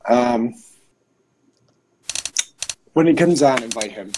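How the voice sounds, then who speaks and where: A man's voice: medium pitch, animated, slow pace, background noise. A man chatting casually with a friend while playing a game, joking, teasing and restarting his sentences. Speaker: gamer recording his session. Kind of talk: casual gaming chat. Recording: game music playing behind.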